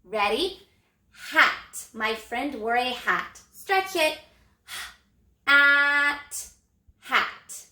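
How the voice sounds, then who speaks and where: A woman teaching a phonics lesson to young children, stretching out sounds slowly and acting out the motions for each vowel. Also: high voice, lively intonation, bright, forceful tone, roomy sound. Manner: slow, exaggerated sound modeling with gestures. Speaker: elementary reading teacher.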